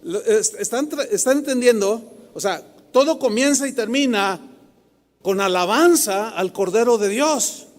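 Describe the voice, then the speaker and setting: A middle-aged man with a Mexican accent, preaching a sermon to a congregation, animated and confrontational, often asking the crowd questions. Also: high voice, a little slow. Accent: Mexican Spanish. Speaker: pastor. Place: large hall with a live congregation. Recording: long hall reverb.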